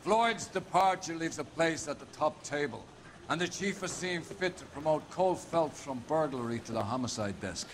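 A man plays a middle-aged Irish police captain in a detective game. His voice is a touch high, with a lilting, leprechaun-like brogue and a brisk, wry manner. There is clear noise and ambience around him. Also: expressive, close to an everyday voice. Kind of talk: scripted video game briefing.

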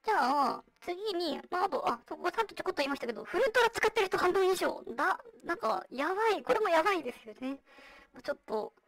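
A presenter speaks in a high feminine voice run through a voice changer, with a synthetic, vocoder-like girlish tone. The delivery is quick and very animated, explaining slides conversationally. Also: gravelly, recorded from a distance, poor audio. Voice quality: high, girlish, electronically processed. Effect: voice changer, processed into a high feminine voice. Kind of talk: presenting survey results with slides. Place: online virtual-reality venue.

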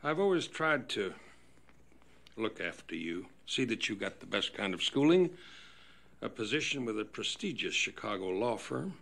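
An actor playing a stern, disappointed old patriarch, measured and reproachful, in a period film drama. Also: male voice, lowish voice, sing-song, gravelly, a bit bright, heavily acted. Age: older. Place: indoor room.

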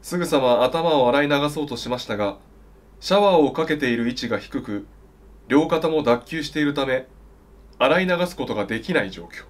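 A man's voice: medium pitch, expressive, moderate pace. A young man reading scripted mock news as a newscaster in a formal, straight-faced way. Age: young adult. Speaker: comedy newscaster.

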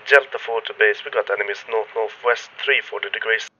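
A man's voice: lowish voice, fairly even intonation, a little fast, background noise. A man giving a clipped mock military radio call, his voice filtered thin and tinny as if spoken into a tin can. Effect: tinny filtered radio voice, like talking into a tin can. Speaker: tutorial maker.

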